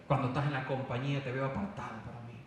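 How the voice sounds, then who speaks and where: A man preaching a fervent sermon with loud emphatic calls. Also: medium pitch, fairly even intonation, fast. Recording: echoey hall, voice from far off.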